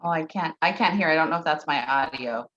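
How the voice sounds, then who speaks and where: A woman's voice: low-pitched, quick pace, a bit bright. A woman on a conference call, answering parent questions in an online info session, hesitant with many fillers. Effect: conference call audio. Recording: dull lo-fi conference call audio.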